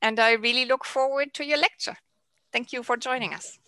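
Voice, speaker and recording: A woman chairing a seminar, introducing the guest speaker in a warm, slightly halting way. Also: a little high, no room sound.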